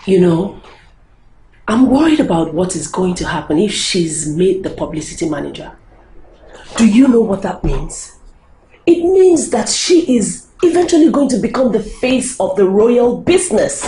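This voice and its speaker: Sex: woman. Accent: Nigerian. Figure: actress as a gossipy, worried co-worker. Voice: mellow, lively pitch. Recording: echoey room. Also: moderate pace, a little hiss or hum, natural voice. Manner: gossipy, wary.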